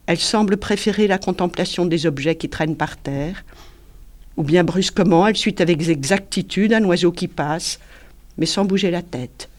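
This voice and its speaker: Reader: woman, literary excerpt, measured and expressive delivery. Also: lowish voice. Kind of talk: literary reading.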